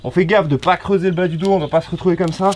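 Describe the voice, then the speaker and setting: Guy coaching a home ab workout, fairly high voice, upbeat, counts reps out loud and chats in between. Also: steady tone, rapid-fire, background noise. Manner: upbeat, counts reps aloud, chatty asides. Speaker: fitness coach. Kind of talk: guided home workout instruction.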